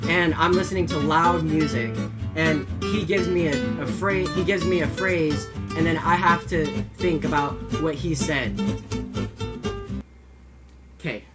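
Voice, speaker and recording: A man's voice: fairly high pitch, unhurried. A young man hosting a casual video in a boisterous, playful way. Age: young adult. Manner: boisterous, profane. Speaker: video host. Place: small living room couch. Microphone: camera a few feet away. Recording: music behind camera audio.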